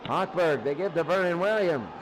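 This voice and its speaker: This announcer's voice is fairly high and animated, moving at a moderate pace as he calls live football action. A loud stadium crowd roars in the background.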